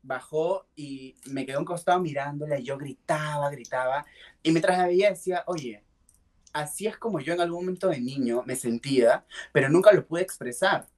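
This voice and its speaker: A man's voice: a little high, brisk. Playful man telling his story. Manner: lively and playful, acts out quoted voices, laughs often. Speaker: drag queen guest. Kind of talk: casual personal storytelling in an interview.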